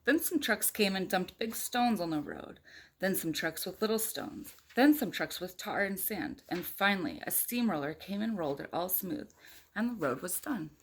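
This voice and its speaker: With a medium pitch, lively intonation, and a breathy edge, she speaks at a normal speed. The mother reads a picture book to small children and viewers in an easygoing storytime, chatting and posing questions as she goes.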